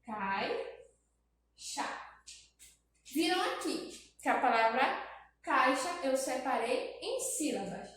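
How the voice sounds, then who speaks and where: A woman's voice: sits high, expressive, unhurried, fairly bright tone. A woman teaching a grammar lesson to young children, repeating each point and checking in with "tá?". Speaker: primary school teacher. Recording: very echoey room, voice from a distance, faint noise.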